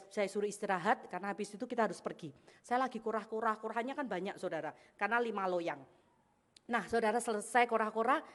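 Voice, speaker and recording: A middle-aged woman from Indonesia preaching a sermon, telling a lively personal story and calling out often to the congregation. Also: mid-range voice. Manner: animated storytelling, addresses congregation as Saudara.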